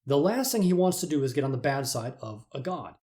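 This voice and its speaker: A man's voice: mid-range voice, sing-song, brisk, a little mellow. A man teaching a Bible lesson, retelling events in a dramatic, explanatory way. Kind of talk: storytelling lesson.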